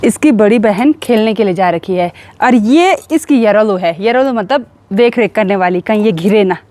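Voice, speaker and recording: A woman's voice: mid-range voice, expressive, normal speed, warm tone, dry recording. Young woman from the hills, chatty and teasing, phone vlog outside. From Uttarakhand, India. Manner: chatty and cheerful, teasing with neighbours. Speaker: vlogger. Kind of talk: casual vlog narration and chat. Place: outdoors in a hill village.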